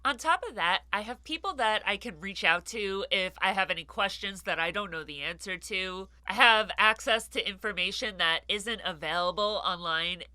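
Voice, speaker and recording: A woman's voice: mid-range voice, moderate pace, few pauses, sharp tone, smooth, no room sound. A woman hosting a true-crime show in a casual, chatty way, with a congested, nasal voice from a stuffed nose.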